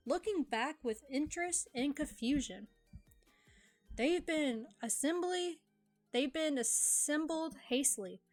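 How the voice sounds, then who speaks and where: A young woman streaming a book reading, giggly and chatty between passages. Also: high voice.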